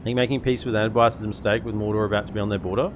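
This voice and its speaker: A man with a fairly low voice gives casual commentary on a strategy game. He thinks aloud and answers viewers in a conversational way, with game music playing underneath. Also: steady tone, very fast. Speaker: gaming streamer.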